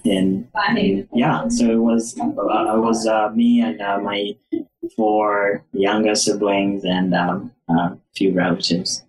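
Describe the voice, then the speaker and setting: A man's voice: lowish voice, takes it slowly. A young man from Uganda, a podcast guest, answering in a casual, hesitant way with many fillers and restarts. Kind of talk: casual interview. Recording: roomy echo.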